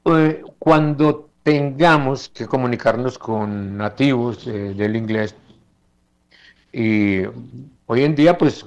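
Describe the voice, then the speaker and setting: A man teaching English phonetics in a lecture, slowly modelling English words aloud as he goes through slides. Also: mid-range voice, dull audio.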